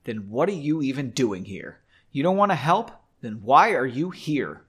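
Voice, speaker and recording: A man giving voice to a stubborn young woman who leads a council and is furious. She speaks with slow, clipped emphasis, and the line rises and falls a great deal. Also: medium pitch, big pitch swings, fairly bright tone, husky. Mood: angry.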